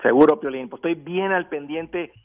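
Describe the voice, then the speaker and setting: A man's voice: a little high, moderate pace, no room sound. Man giving advice over a tinny phone line. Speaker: guest giving savings advice. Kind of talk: call-in interview.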